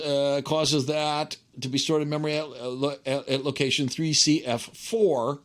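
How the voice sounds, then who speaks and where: A man with a medium-pitched voice works through a technical lesson as an instructor. He talks conversationally, thinking aloud as he goes and regularly checking that the listener follows. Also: fairly bright tone. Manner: conversational, checks in with okay and right.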